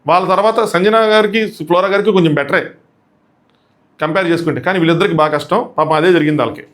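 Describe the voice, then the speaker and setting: A man with a Telugu accent giving a quick, animated review of a reality show episode, acting out the contestants' lines. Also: high-pitched. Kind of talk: fast episode review commentary.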